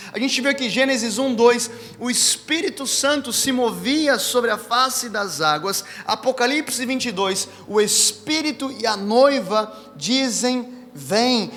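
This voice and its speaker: In a reverberant church hall where faint music can be heard, a Brazilian man with a high voice and a Brazilian Portuguese accent preaches. As a pastor, he shares personal stories in an animated, chatty style, speaking right to the crowd before him.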